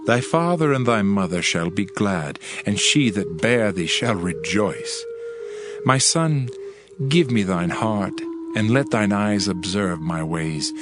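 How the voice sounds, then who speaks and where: With music playing behind him over a noisy background, a man with a lowish voice gives a dramatized Bible reading. He delivers the scripture in a solemn, emphatic, oratorical manner.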